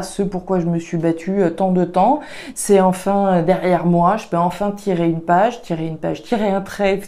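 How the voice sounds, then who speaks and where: A woman's voice: fairly low pitch, warm tone. A woman giving a casual tarot card reading to her viewers, chatty and full of fillers, speaking straight to them. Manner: chatty, filler-heavy, addresses viewers directly. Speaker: tarot and oracle card reader.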